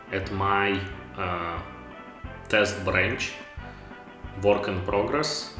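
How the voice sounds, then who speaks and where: A man giving casual live-stream commentary, hesitant and thinking aloud in non-native phrasing. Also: low-pitched. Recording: roomy echo with music behind. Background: game music.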